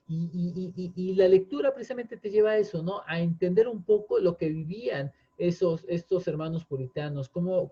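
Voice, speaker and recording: A man's voice: on the high side, warm tone, slightly rough. A man, earnestly explaining in casual chat, often restarting with fillers. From Mexico. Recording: dull lo-fi sound.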